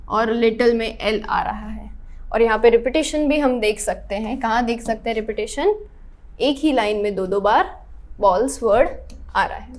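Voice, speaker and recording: A woman English tutor with an Indian accent, mixing Hindi and English as she reads poem lines slowly and explains them. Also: a little high. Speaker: English teacher. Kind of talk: online tuition lecture.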